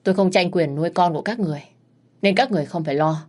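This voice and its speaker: A woman voicing a sharp-tongued young wife who curses in a shrill, sour voice. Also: expressive, a little fast. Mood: bitter defiant. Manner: scolding, cursing loudly.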